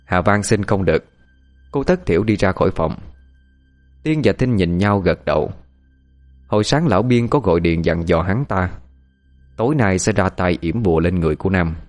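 Male horror-story narrator, very low voice, steady delivery, soft music bed. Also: moderate pace, long pauses.

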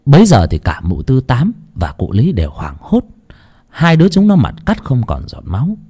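A man narrating a dramatic audio story with a very animated, sweeping delivery. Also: medium pitch, normal speed, breathy edge.

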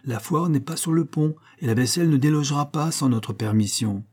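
Storybook: man playing a cheeky, unhurried young husband, higher and bright-voiced, teasing. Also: natural voice. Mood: nonchalant teasing. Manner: easy-going, phlegmatic, mocking. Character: nonchalant, sly young man teasing his father-in-law.

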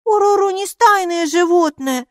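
A woman reading an audiobook and voicing an eager six-year-old girl with high, loud exclamations. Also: normal speed, no echo, clean studio sound. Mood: excited.

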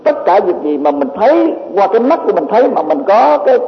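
A high-pitched man lectures as a Buddhist monk, teaching his listeners and posing rhetorical questions. His voice rings in a roomy hall with a long reverb tail. The recording is dull and lo-fi, with a faint hiss behind it. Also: big pitch swings, fast talker. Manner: rhetorical questions, many repeated filler words.

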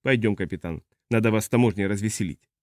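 A man voicing a huge, drunk male navigator who talks low and quietly menacing. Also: fast, no room sound, clean studio sound, close to an everyday voice. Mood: drunken jovial. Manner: low, slurred, quietly threatening.

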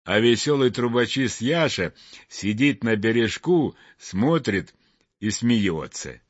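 A man slowly narrating a fairy tale in an expressive storytelling voice. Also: medium pitch, slightly rough, no room sound. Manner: slow, expressive, wide-ranging. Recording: dull dry lo-fi recording.

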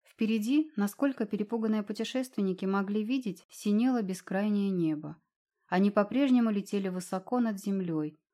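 A woman narrating a fantasy novel chapter in a measured, expressive storytelling voice. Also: mid-range voice. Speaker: audiobook narrator. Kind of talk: scripted narration.

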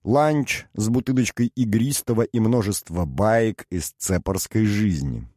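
A man reading a novel aloud as an audiobook narrator, measured and even. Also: on the low side, no echo, studio quality.

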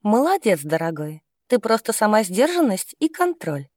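A man's voice: high voice, sing-song, unhurried, slightly rough, dry recording, clean studio sound, voice pushed up, heavily acted. A man doing a teasing, playful young woman. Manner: teasing, murmured lines. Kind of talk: audiobook character voice.

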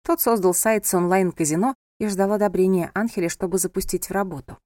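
A woman narrating a story in an even, storytelling manner. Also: mid-range voice, fast talker, no room sound, studio quality. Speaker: audiobook reader. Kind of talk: scripted narration.

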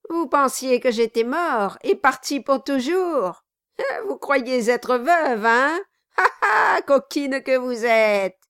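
A woman voicing a cruel, mocking male dwarf who taunts and bullies loudly in a storybook reading. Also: sits high, expressive, takes it slowly, clean tone, voice pushed up, exaggerated voice. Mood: taunting. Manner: loud, taunting, gleeful bullying.

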